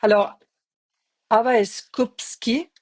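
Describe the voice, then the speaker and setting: A woman's voice: on the high side, steady tone, drawn-out words, a little mellow. A middle-aged woman from Spain with a Spanish accent, hosting a live-streamed interview in a hesitant way, with many fillers and restarts. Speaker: host, journalist.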